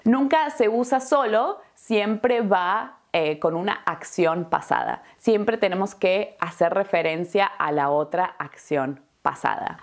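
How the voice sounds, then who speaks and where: Female teacher, slow, deliberate lesson delivery, patient tone. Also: mid-range voice. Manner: patient, adds checking tags like "¿sí?" and "¿no?". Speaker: Spanish teacher. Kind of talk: slow, clear explanatory lesson.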